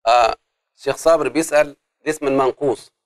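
An Egyptian-accented man leads a lesson on Arabic grammar and poetic meter. He chants the meter's syllables slowly and draws answers out of his students with quick prompts. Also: mid-range voice. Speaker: Arabic grammar and prosody teacher.

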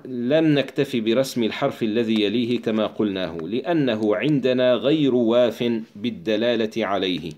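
Man, teacher, reading and explaining a classical text, measured delivery, pauses and fillers. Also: medium pitch, darkish tone.

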